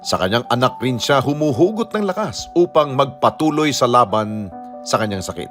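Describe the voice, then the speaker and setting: A man reading scripted documentary narration in a measured, expressive way. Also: medium pitch. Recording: voice-over with music bed.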